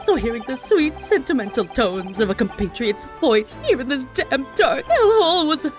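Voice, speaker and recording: A woman's voice: sits high, normal speed, music in the background, pitched above the performer's own voice. Woman playing a frantic, theatrical young male prisoner. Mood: overwrought. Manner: melodramatic, alliterative, excitable.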